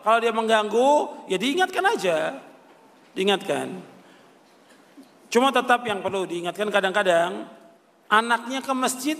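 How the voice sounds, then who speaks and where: In a hall full of reverb, an older man preaches an Islamic lecture, his voice sitting high with a slight brightness. He poses rhetorical questions and answers them, returning again and again to key phrases.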